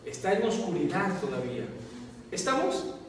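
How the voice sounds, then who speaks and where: Priest lecturing in an echoey hall. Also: male voice, high-pitched, huge pitch swings, normal speed, a crowd in the background. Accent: Peruvian Spanish. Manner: asks the class constant check-in questions. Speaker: priest teaching a Bible course. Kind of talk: classroom lecture. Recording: very echoey hall, voice far from mic.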